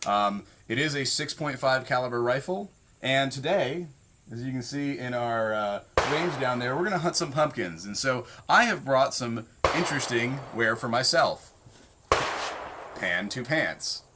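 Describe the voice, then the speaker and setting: A man's voice: mid-range voice, lively intonation, measured pace, background noise. Joking man hosting outdoors. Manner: joking, laid-back, frequent ums. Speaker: video host. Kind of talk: casual demonstration vlog. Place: outdoor shooting range.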